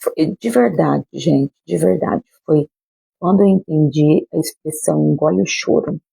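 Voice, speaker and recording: A woman's voice: sits low, a little slow, creaky, mellow, husky, no echo, low-quality recording. A woman pastor with a Brazilian Portuguese accent, preaching earnestly and emphatically in a livestream, speaking directly to her listeners. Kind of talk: livestreamed sermon. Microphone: phone or webcam livestream.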